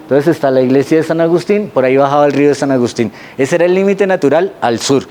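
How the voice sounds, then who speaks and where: A man's voice: a little high, quick pace, dark tone, slight background noise. A man from Colombia with a Bogotá accent, guiding students through a historic city map in a conversational way and often checking in with his listeners. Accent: Bogotá Spanish. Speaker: guide.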